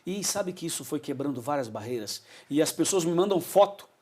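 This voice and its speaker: A man's voice: on the high side, lively intonation, brisk, darkish tone. A man, a pastor telling emotional anecdotes as a TV interview guest and acting out what people said. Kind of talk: storytelling in a TV interview.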